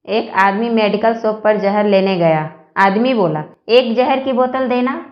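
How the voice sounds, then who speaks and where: A woman's voice: mid-range voice, a little slow, noisy background. A woman reading a string of short jokes aloud, voicing every character in the same plain voice. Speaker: joke reader. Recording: echoey lo-fi recording.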